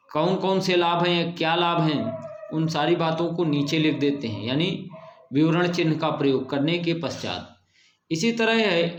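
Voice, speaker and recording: Man teaching, in an echoey room. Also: a little high. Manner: patient, explanatory, repeats key points. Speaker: school Hindi teacher. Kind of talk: recorded grammar lesson for students.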